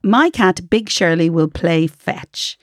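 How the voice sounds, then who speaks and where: A woman's voice: lowish voice, slow, no echo, clean studio sound. A woman from Ireland co-hosting a podcast in casual chat, bantering, laughing a lot and giving advice. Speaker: podcast co-host.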